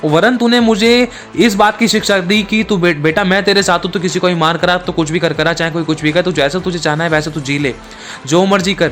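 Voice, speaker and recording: A man's voice: sits high, fairly quick, fairly bright tone, soft background music. A man voicing a condemned young man who angrily blames his mother, speaking in a raised, insistent way. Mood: bitter accusing.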